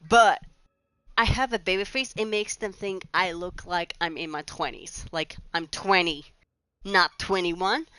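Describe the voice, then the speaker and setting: A woman's voice: lowish voice, a little slow, pushed and bright, clear, resonant tone, no room sound, rough recording. A woman, rambling chattily over gameplay with restarts and giggles. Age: 20s. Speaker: gaming channel host. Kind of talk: casual gameplay commentary.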